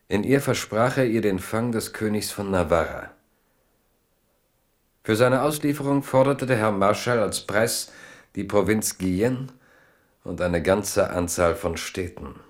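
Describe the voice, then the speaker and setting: A deep-voiced man narrates a radio drama, reading literary prose like a storyteller. His delivery is measured and dramatic.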